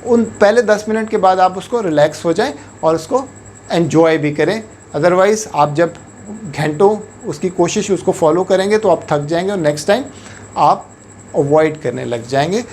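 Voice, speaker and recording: A Pakistani man who teaches English gives a patient, measured lesson, slipping English words and phrases into his speech again and again. His voice sits high and has a slightly mellow quality, with a faint hiss or hum in the recording.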